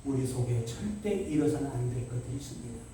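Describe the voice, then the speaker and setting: Middle-aged male pastor, revival sermon, jokes and shouts, roomy church hall sound. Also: mid-range voice, quick pace, heavy background noise. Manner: animated, joking, shouts mid-sermon. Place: large church sanctuary. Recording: very echoey church hall from far off.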